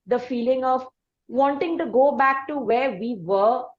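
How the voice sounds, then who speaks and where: A woman with a high-sitting voice hosts a podcast interview with a musician, speaking unhurriedly in an effusive, wordy, hesitant way. The recording is muffled and echoey, with a little hiss or hum.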